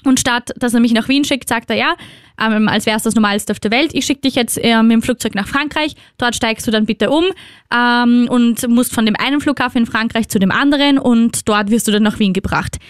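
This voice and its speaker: A woman's voice: fairly high pitch, brisk, smooth, no echo, clean studio sound. A young Austrian woman telling a travel story in casual chat, acting out the people she quotes. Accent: Austrian German.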